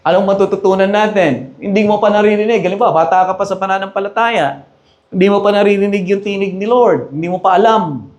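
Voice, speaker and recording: A man's voice: high-pitched, fast, highs cut off. A male pastor preaching a sermon, emphatic and switching between Tagalog and English phrases.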